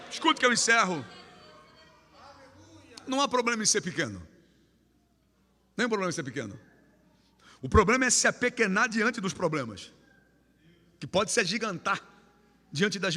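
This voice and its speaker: Animated preacher with a bright voice. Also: male voice, sits high. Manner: animated, humorous storytelling, sudden shouts. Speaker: guest pastor. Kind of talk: lively youth sermon. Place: church hall. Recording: echoey church hall.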